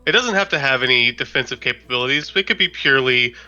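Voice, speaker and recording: Very bright-voiced man playing a tabletop game. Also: medium pitch, lively intonation, fast talker, muffled recording. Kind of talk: casual in-character role-play.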